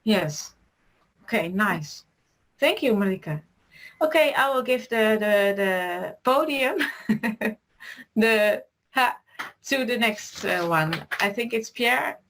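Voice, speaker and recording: A woman hosts an online session over a video call and hands the floor from one speaker to the next. She talks haltingly and searches for words. Her voice sits a little high. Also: animated, a bit bright. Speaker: session moderator.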